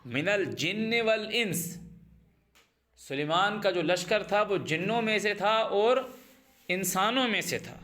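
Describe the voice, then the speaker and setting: A man with a bright, tense voice set a little high, teaching scripture line by line. He recites a verse slowly, then explains it in a quicker conversational flow, circling back to repeat his points. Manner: repeats phrases, speeds up when explaining examples. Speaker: Quran teacher. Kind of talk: verse-by-verse Quran translation and commentary.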